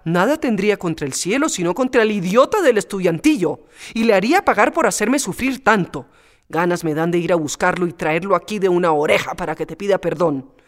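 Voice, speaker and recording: A man's voice: high voice, lively intonation, fairly quick. A man reading a storybook aloud and voicing a blunt, motherly older woman who scolds and fusses. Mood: scolding. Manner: scolding, fussing.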